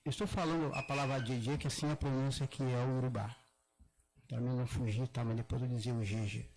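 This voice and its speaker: An older man from southern Brazil speaks at a public gathering. His mid-pitched voice is gravelly, and he talks haltingly, restarting often and drawing out certain words slowly. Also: steady tone, a little mellow, poor audio. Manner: halting, many restarts, drawn-out demonstrated words. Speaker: Afro-Brazilian religious elder speaking at a gathering. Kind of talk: public talk, explaining pronunciation.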